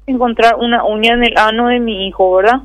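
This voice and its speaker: A woman's voice: a little high, steady tone, fairly quick, dry recording. A woman gives an anguished personal account on the radio, repeating herself and acting out her child's words. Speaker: mother telling her story on the radio. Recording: muffled dry radio audio.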